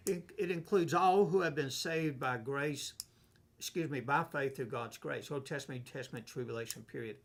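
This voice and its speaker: Male pastor, mid pitch, gravelly; conversational Bible teacher who quotes and explains scripture. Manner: reads scripture aloud and explains it verse by verse; unhurried, asks himself questions and answers them. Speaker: pastor leading a Bible study.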